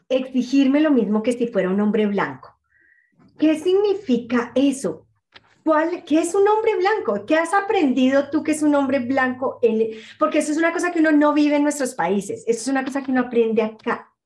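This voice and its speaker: A woman leads an interview, answering her guest with affirming remarks before asking pointed follow-up questions. Her voice is high and conversational. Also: animated, normal speed, darkish tone.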